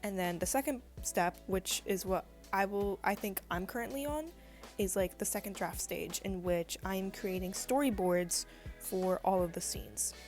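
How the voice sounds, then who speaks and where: A woman's voice: mid-range voice, measured pace, a little mellow, soft background music. A woman in a morning voice, chatting casually as she walks through her comic-making process in a vlog. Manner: chatty, rambling, with frequent fillers. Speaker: comic artist and YouTuber.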